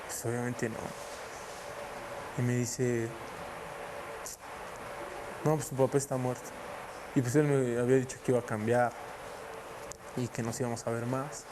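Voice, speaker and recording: A man recalls a painful memory in a documentary interview, speaking quietly and hesitantly at a mid pitch. A steady hiss of noise sits under the recording. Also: measured pace, long pauses. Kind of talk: recounting a personal memory.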